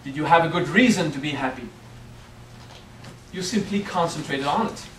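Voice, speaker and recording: A spiritual teacher, middle-aged and French-accented, delivers a playful workshop talk and frequently asks "okay?". His voice is a little high and a bit bright, at a moderate pace. Slight background noise and the echo of a hotel meeting room come through the distant camera mic.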